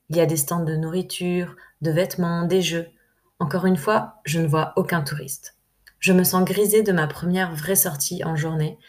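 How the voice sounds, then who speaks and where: A young woman from France calmly reading her first-person travel diary aloud in a measured way. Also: fairly low pitch. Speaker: narrator.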